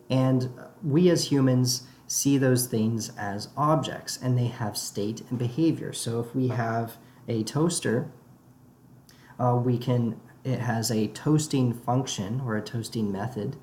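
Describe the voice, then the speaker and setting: A man talks through a programming lesson, pausing often on "uh" as he works out his explanations. The audio is low quality, captured without proper recording gear in a roomy, echoey space. A faint hiss of background noise sits under his medium-pitched voice. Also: creaky, darkish tone. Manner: halting, with many "uh" fillers while explaining. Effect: low-quality recording made away from his usual equipment. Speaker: programming tutor. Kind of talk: casual spoken lecture over diagrams.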